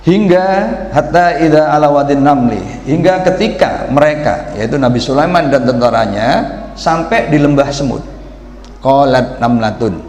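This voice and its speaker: A man giving a lively religious lesson, explaining Arabic grammar to the audience with shouted examples and asides. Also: medium pitch, moderate pace. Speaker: religious teacher. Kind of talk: Ramadan religious lecture to an audience. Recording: echoey hall with long reverb.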